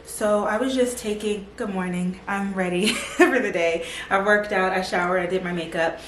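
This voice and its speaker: A woman's voice: medium pitch, moderate pace, a bit bright, reverberant, soft background music. A young woman in her twenties chatting casually to camera for her vlog, leaning on lots of "like" fillers. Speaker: vlogger. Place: home.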